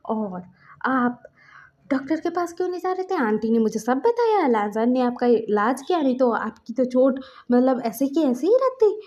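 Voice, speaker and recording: A woman's voice: very animated, a little slow, darkish tone, muffled recording. Woman doing a fussing, scolding young man. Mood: angry. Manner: high-pitched, scolding questions fired off in a row. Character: worried, scolding young man fussing over his hurt lover.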